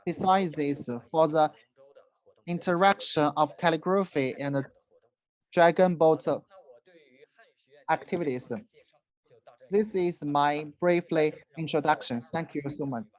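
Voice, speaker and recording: Slow hesitant presenter, lots of uh and restarts, formal school talk. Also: medium pitch, poor audio. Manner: halting and hesitant, frequent fillers and restarts. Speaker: university presenter and interpreter. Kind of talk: presentation with live interpreting.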